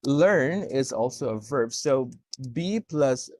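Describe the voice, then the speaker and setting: A man's voice: mid-range voice, expressive, takes it slowly, a little mellow, no echo. A man tutoring English one-to-one, explaining corrections step by step and checking understanding with "okay?". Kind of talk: one-to-one speaking lesson.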